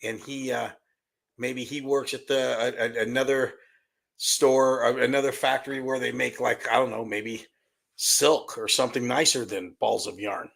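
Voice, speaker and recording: A man's voice: mid-range voice, steady tone, moderate pace, gravelly, a bit bright. Teasing, crude male podcast co-host. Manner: teasing, crude, laughs a lot. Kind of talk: casual chat. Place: podcast studio.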